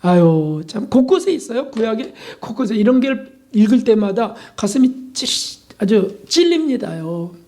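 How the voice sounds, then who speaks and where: Emphatic, mellow-voiced male pastor preaching. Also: high voice, sing-song, moderate pace, hardly any pauses. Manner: emphatic, questioning, dramatic preaching. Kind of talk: sermon.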